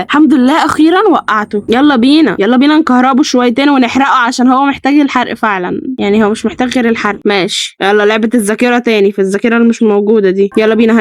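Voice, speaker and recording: A young woman with an Egyptian Arabic accent, jokily commenting on a horror game as she plays, excitable and shrieking when startled. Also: a little high, no echo. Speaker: gamer.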